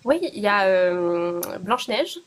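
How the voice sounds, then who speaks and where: Woman, guest author, interview, hesitant, halting, pausing, mid-pitched voice. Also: expressive. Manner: hesitant, halting, many pauses. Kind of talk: interview answers.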